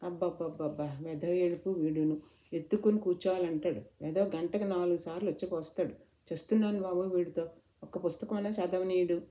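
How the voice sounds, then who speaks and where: A woman's voice: on the low side, steady tone, brisk, mellow, roomy sound, natural voice. Woman playing a snappish young sister-in-law. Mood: irritated. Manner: snappish, complaining. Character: irritable young unmarried sister-in-law, bookish and short-tempered.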